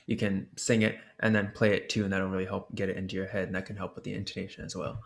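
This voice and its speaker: A man presenting an ocarina workshop, explaining technique in a relaxed way and sounding out the syllables as he goes. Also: low-pitched, quick pace, gravelly. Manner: casual, explains with demonstration syllables and fillers. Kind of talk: instructional explanation. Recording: roomy echo.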